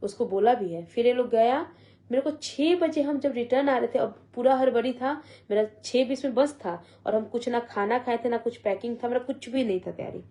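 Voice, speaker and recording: A young woman, retelling a painful family memory in a soft, halting way and quoting the voices of others. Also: on the high side. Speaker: vlogger. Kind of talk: emotional personal storytelling.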